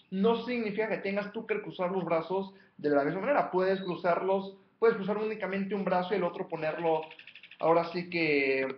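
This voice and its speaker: A man's voice: high-pitched, echoey room, highs cut off, slight background noise. A man giving a motivational coaching talk, emphatically counting off numbered steps and repeating his key points. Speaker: life coach.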